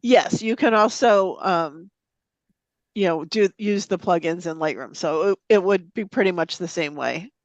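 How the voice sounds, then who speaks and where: Her voice sits on the low side and she talks unhurriedly, on a dry recording with the highs cut off. Giving a live photo editing demo in a meeting room or online forum, she is chatty, quick to laugh, full of ums, and slightly sniffly from a cold.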